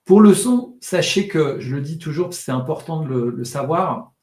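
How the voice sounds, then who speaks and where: A man teaching public speaking in a live online session, full of demonstrations where he exaggerates loud, rushed or flat delivery, and who tends to talk fast and swallow his words. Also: on the high side, roomy sound.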